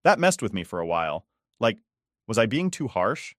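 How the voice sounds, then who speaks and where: A man's voice: on the low side, big pitch swings, moderate pace, a bit bright, dry recording, clean studio sound. Young man telling a story casually. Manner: casual, conversational, exasperated. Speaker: narrator. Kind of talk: scripted first-person story narration.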